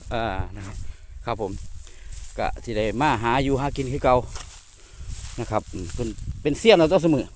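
A man's voice: mid-range voice, lively intonation, normal speed, pauses often, a little hiss or hum. A man with a northeastern Thai Isan accent, hosting a casual outdoor vlog in rural fields and chatting to his viewers. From northeastern Thailand. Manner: chatty, addresses viewers often, peppers talk with tag particles. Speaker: vlogger host.

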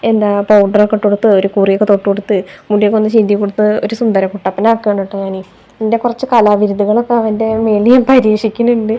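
A woman's voice: medium pitch, level tone, rapid-fire. A young mother from Kerala, narrating her daily chores in a chatty voice-over. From Kerala, India. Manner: chatty, tags sentences with a soft "you know". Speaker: vlogger mother. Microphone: voice-over recorded separately.

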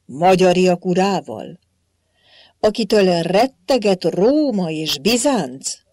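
A woman reading as a defiant, blustering old Hungarian warrior-king saint, speaking loudly in archaic phrases. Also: on the low side, expressive, no room sound, clean studio sound. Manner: loud, blustering, archaic speech.

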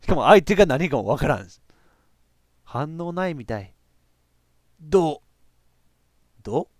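Man, let's play commentary, very lively pitch, dry close sound, excitable. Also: moderate pace, no room sound. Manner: excitable, reacts loudly with frequent laughs. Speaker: VTuber game streamer.

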